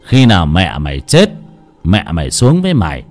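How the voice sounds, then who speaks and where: A man doing a weary, low-voiced old exorcist. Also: wildly swooping pitch, a little mellow, faint music behind, exaggerated voice. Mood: weary, resigned. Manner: low, sighing, measured.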